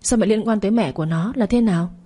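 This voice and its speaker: A spoiled, hot-headed young woman screeches insults in a story drama, voiced by a woman narrator. Her voice sits high above the narrator's own and comes out fast. There is a breathy edge to it. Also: dark tone, lightly acted. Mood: distressed. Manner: shrieking, insulting.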